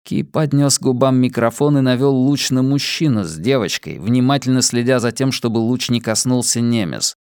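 A man narrating an audiobook in a steady, measured reading voice. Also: medium pitch, clean tone, no room sound, clean studio sound.

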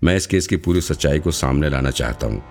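A stern seasoned detective in an audiobook, firm and commanding, as a man reads him in a very deep voice. Soft music runs under his lines. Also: expressive, fast talker, vocal fry, full character voice.

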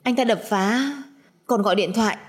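A woman's voice: mid-range voice, normal speed, long reverb tail, pitched above the performer's own voice, lightly acted. A woman voicing a frightened, timid young mother in a spoken audio story, with fearful, pleading delivery.

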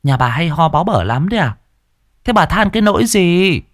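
A man's voice: a little high, very animated, moderate pace, voice pushed up. A man putting on a scornful defiant young wife. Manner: mocking, scornful taunts.

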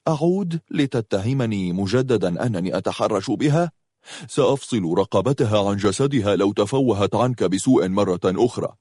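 A man's voice: lowish voice, lively intonation, moderate pace, a little mellow, husky, dry recording, studio quality. A man voicing an angry, self-pitying young man who talks reproachfully, in a storybook reading. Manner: reproachful, heated.

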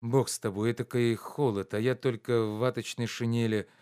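A man reading aloud and voicing an anxious, grumbling gentleman in an audiobook. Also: medium pitch, level tone, normal speed, clear, resonant tone, natural voice. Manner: worried, grumbling, impatient.

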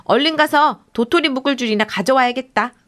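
A woman's voice: sits high, brisk, fairly bright tone. A woman voicing a bold, mischievous young girl who gushes and bosses others. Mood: gushing.

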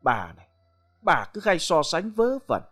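A man's voice: a little high, very animated, measured pace, a bit bright, faint music behind, pitched above the performer's own voice, heavily acted. A man voicing a greedy, show-off rich husband who bosses his wife around. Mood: bossy. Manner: bossy, lecturing. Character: greedy, pompous rich middle-aged husband.

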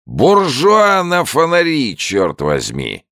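A man's voice: fairly high pitch, wildly swooping pitch, slow, fairly bright tone, dry recording, clean studio sound, pitched above the performer's own voice, heavily acted. A man voicing a drunk, boisterous old French bargeman in an audiobook, slurring and bellowing. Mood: drunken bellow.

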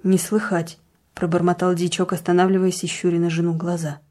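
Woman calmly reading a classic story. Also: lowish voice, fast. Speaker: audiobook reader. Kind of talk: literary narration.

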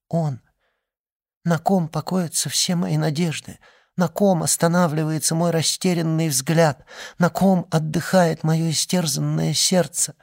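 A man's voice: on the high side, vocal fry, darkish tone, no echo, studio quality, voice pushed up. A man reading an audiobook and voicing a devoted young woman, pleading in an impassioned, trembling way.

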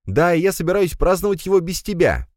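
A man's voice: low voice, wildly swooping pitch, moderate pace, dry recording, clean studio sound. A man voicing a sullen, irritable young man of nineteen.

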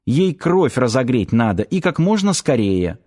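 A man's voice: medium pitch, sing-song, dark tone. A man voicing a fussy, anxious male ship's medic who hurries and barks orders in an audiobook. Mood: flustered. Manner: hurried, flustered, barking orders.

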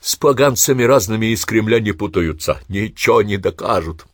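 A man voicing a coarse, grumpy old man in his eighties who is dying, talking gruffly in short, breathless phrases. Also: on the low side, expressive, normal speed, no room sound, clean studio sound, pitched above the performer's own voice. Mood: grumbling.

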